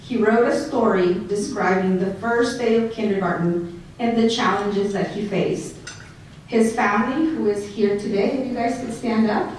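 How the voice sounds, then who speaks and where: A middle-aged Mexican woman with a Mexican Spanish accent, a school district director, introduces an award at a banquet, reading prepared remarks and tossing joking asides to the audience. Her mid-range voice is a little mellow and moves at normal speed, with slight background noise. She is recorded from a distance in a large, echoey banquet hall.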